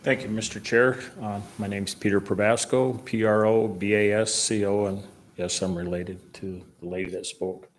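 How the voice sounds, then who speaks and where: A man's voice: on the low side, level tone, moderate pace. A man in his sixties who serves on a fish and wildlife commission, giving earnest, emphatic testimony at a planning meeting.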